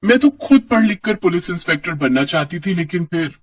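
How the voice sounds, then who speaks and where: A man voicing a kind young bride who speaks gently and reassuringly, recorded from a distance. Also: high-pitched, lively intonation, a little fast. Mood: gentle.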